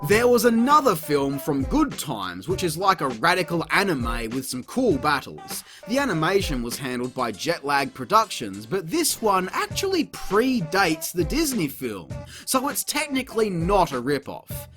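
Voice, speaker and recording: With music playing behind him, a man who hosts video reviews gives sarcastic, exasperated, sweary comedic commentary from a script. His slightly high voice swoops wildly in pitch, keeping a normal speed with hardly any pauses and a somewhat bright sound.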